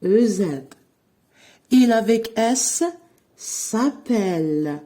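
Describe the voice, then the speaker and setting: A woman teaching French, speaking very slowly and spelling out each verb ending letter by letter. Her voice is mellow and dark, and her pitch rises and falls a great deal as she dictates. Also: big pitch swings. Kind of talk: slow classroom-style grammar lesson.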